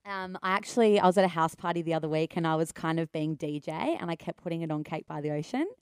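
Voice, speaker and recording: A woman's voice: deep voice, fast talker, clear, resonant tone, no room sound, clean studio sound. An Australian woman in her thirties with a cold, interviewing casually in an informal, gushing way. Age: 30s. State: sick with a cold. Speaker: radio interviewer.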